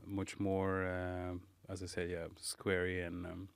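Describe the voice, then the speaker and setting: A man from Morocco, a pastry chef guest in a casual interview, speaking thoughtfully with many pauses and fillers. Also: low voice, monotone, creaky, clear, resonant tone, no echo.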